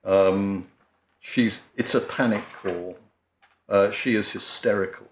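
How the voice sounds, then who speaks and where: A man's voice: on the low side, fairly even intonation, takes it slowly, a little hiss or hum. An English man, a barrister addressing appeal judges, speaking hesitantly with frequent ums, restarts and apologies. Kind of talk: courtroom legal submission. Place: large courtroom. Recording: roomy courtroom audio.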